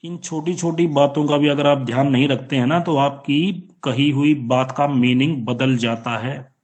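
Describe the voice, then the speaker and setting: A man teaching an online class with an Indian accent, explaining slowly and patiently with repeated examples. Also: mid-range voice, steady tone, a little mellow, dull audio. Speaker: college teacher. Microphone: online class, computer or phone mic.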